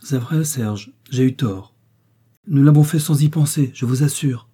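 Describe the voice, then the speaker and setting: A man voicing a gentle young princess. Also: medium pitch, a little slow, husky, pitched above the performer's own voice. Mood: pleading.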